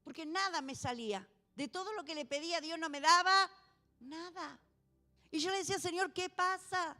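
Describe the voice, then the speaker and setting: A woman pastor with a Rioplatense accent preaching a sermon, swinging between loud proclaiming and soft, low pleading. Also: moderate pace. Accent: Rioplatense Spanish. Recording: music under a long church reverb.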